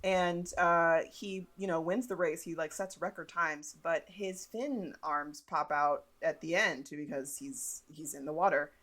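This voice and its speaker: A woman's voice: low voice, a little slow, few pauses, fairly bright tone. A young woman co-hosting a podcast, casually recapping a movie, laughing often and acting out quotes. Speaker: podcast co-host. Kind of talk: casual chat recapping a film.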